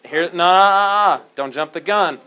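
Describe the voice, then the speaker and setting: A man teaching a history class in a classroom, talking in an animated, jokey way and slipping into dramatic storytelling. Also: high-pitched, normal speed. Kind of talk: classroom lecture.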